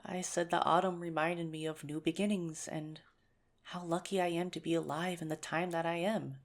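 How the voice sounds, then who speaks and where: In a conversational ASMR romantic roleplay, a woman plays a nerdy, earnest young teacher shyly courting her crush, a little hesitant and gently poking fun at herself. Her voice sits on the low side with some vocal fry.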